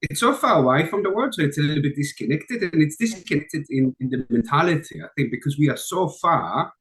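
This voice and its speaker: A man's voice: a little high, a little fast, low-quality recording. A middle-aged man from Israel, a guest talking casually on a call with frequent ums and restarts. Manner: relaxed, hesitant with frequent fillers. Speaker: interview guest. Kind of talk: casual conversation.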